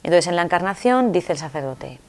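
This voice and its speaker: A woman telling a personal story in an interview, expressive and acting out dialogue. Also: fairly quick. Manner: expressive, acts out dialogue with sudden pitch jumps. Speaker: interviewee sharing a personal testimony. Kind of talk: animated storytelling.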